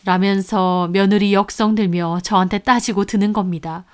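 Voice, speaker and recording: A woman narrating a first-person story in a plain, steady reading voice. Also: mid-range voice, normal speed, smooth.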